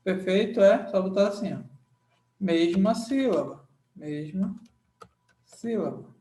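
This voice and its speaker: A man's voice: high-pitched, lively intonation, slow, warm tone. A man with a Brazilian Portuguese accent teaching a grammar lesson, drawing out words and repeating key phrases while checking in with his students. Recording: echoey room.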